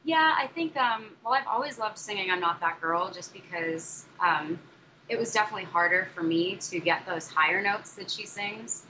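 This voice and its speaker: Answering an interviewer, this young musical theatre actress is chatty and often fills or restarts her sentences. She speaks at normal speed in an expressive, mid-range voice with a sharp tone, captured on a dull, muffled recording with faint noise.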